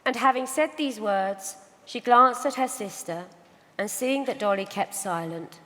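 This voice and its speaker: A woman reading novel narration aloud at a live event, calm and measured. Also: a little high. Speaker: reader. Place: large event hall on stage. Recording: hall reverb.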